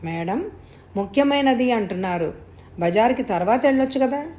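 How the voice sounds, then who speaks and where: A woman's voice: a little high, expressive, normal speed, a little mellow, natural voice. A woman reading the part of a scheming, suspicious young man who asks incredulous questions in an audio story.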